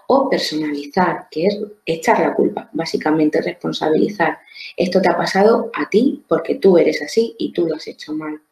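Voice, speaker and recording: A low-voiced woman gives an explanatory lesson. She restarts words and keeps checking that the listener follows. Her voice is soft and mellow, recorded in a roomy, echoing space. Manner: checks understanding with frequent tag questions; stammering repeats of words. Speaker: trainer. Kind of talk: explanatory lecture. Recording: echoey room.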